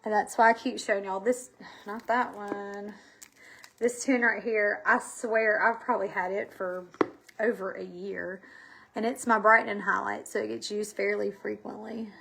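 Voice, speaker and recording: Doing her makeup live on a stream where she sells makeup, a Southern US woman chats casually with folksy, self-deprecating humor in a stuffy, congested voice. She speaks at medium pitch and normal speed with a level, fairly bright, gravelly tone. A little hiss or hum sits in the recording.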